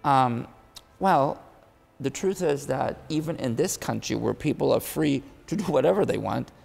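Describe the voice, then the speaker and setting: A man's voice: medium pitch, animated, normal speed, vocal fry, a little mellow, big-room sound. A man hosting an interview, musing and hesitant with fillers. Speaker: interviewer host.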